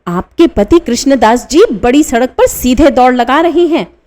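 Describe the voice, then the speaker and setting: Radio play: obliging young nephew, a woman voicing him, animated. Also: sits high, a little slow. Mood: eager. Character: eager young nephew, helpful and chatty. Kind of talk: one-reader radio play.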